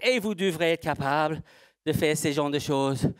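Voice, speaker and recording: A horse trainer gives a live seminar demonstration in slightly broken French, posing rhetorical questions and answering them himself. He has a fairly high voice at normal speed.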